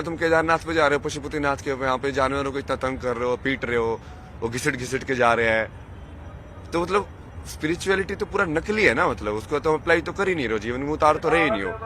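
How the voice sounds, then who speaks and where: Interviewed outdoors at a crowded religious gathering, a man who is a spiritual seeker talks in a rambling, musing, casual way, dropping English words into his speech. His voice is fairly high, and loud crowd chatter fills the background.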